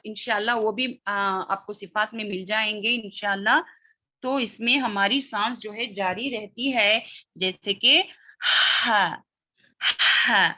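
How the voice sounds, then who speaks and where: A woman's voice: medium pitch, sharp tone, muffled recording. A woman teaching a class on Quran recitation, explaining step by step, demonstrating letter sounds and often checking that her students follow. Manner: explains step by step, checks understanding with repeated "theek hai" and "hm?". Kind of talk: online class lesson.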